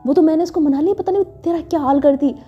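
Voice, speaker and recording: A woman's voice: sits high, quick pace, lightly acted. A woman doing a bossy, exasperated best friend. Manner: pleading, then scolding. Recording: dull lo-fi with faint music.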